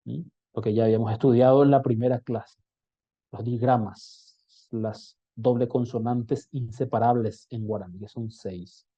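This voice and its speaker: A man teaching a recorded language lesson, explaining patiently and repeating example phrases slowly. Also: mid-range voice, steady tone, breathy edge. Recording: slightly dull lo-fi recording.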